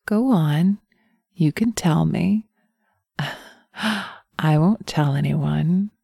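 A woman voicing a seductive, wicked female succubus in an erotic audio roleplay, teasing and breathy, sometimes dropping into whispers close to the mic. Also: deep voice, drawn-out words, mellow, no echo, heavily acted.

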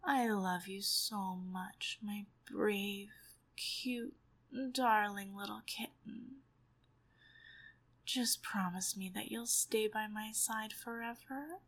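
A woman speaks in a sultry ASMR role-play at a very unhurried pace. Her breathy voice often catches in a soft fry, and her manner is doting. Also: medium pitch. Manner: sultry, slow, doting narrator.

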